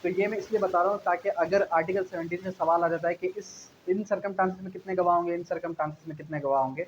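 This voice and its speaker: Fast and fairly even in intonation, a high-voiced man with a Pakistani accent gives an explanatory law lecture for exam preparation. He moves back and forth between reading clauses and explaining, repeating key phrases and answering questions he raises himself. The lo-fi audio is dull, carrying a faint noise.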